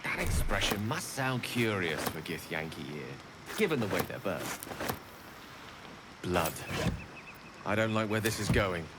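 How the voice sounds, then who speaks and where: An actor voicing a polite, learned male wizard in a video game, speaking in a courteous, measured and dryly wry way. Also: lowish voice, animated. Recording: game audio with loud noise.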